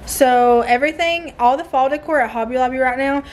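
Holding her phone at arm's length, a young Southern woman who homeschools her kids vlogs chattily from her car and then her mobile home's living room, animated and laughing a lot. Her high-sitting voice is brisk, and there's a little hiss or hum.

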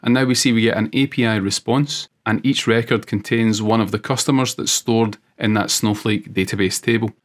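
Lowish-voiced young man explaining code. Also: normal speed, hardly any pauses. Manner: steady step-by-step explaining. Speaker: programming tutorial host. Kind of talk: screen-recorded coding tutorial.

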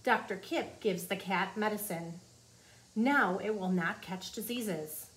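Slow and a bit bright, her medium-pitched voice reads a children's nonfiction book aloud. She's a woman in her forties explaining things simply to young listeners in a small office, much like a teacher. The room ambience is clearly noisy.

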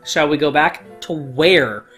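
Slow and a bit bright, this mid-range voice delivers jokey, profane let's play commentary with plenty of emphasis. The speaker hosts a gaming video, playing while talking casually. Game music sits beneath the voice.

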